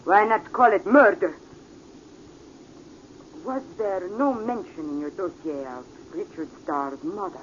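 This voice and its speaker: In a 1940s radio drama, an actress with an Italian accent plays a mature, passionate, worldly woman who is secretly a protective mother. Her medium-pitched voice carries lively intonation, lightly acted, as she pleads bitterly in deliberate, formal foreign phrasing. The vintage recording is muffled and noisy.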